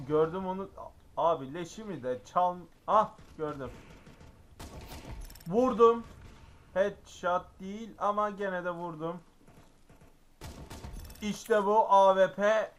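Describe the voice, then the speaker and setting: A man commentating his own gameplay, excitable and frequently exclaiming and grumbling at the game. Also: high-pitched, slow pace, pauses often, a little hiss or hum. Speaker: gaming YouTuber.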